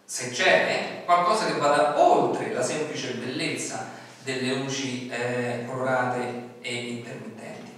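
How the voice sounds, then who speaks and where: Conversational Italian preacher in echoey hall. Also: male voice, mid-range voice, fairly bright tone, recorded from a distance, slight background noise. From Italy. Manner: conversational, asks the congregation questions. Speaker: pastor. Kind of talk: sermon. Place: small church hall, indoors.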